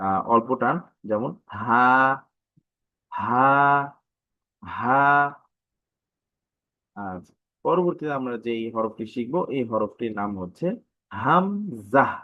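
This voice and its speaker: A man teaching Quran Arabic letters in an online live class, speaking with a Bangladeshi Bengali accent and drilling each sound by repeating it slowly. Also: mid-range voice, no echo, lo-fi sound. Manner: stretches out the letter names when modelling them.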